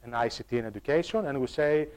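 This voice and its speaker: This man talks fast in a medium-pitched, darkish voice while presenting a live workshop to staff on online course design. As he explains, he often starts over and repeats words, and he addresses the audience directly with questions.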